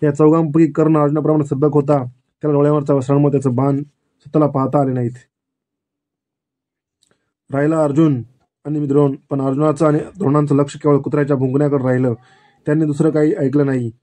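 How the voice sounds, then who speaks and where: Man reading stern old grandsire, commanding, grave, slightly high voice. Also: level tone, quick pace, long pauses, mellow, lightly acted. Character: stern aged grandsire addressing a crowd.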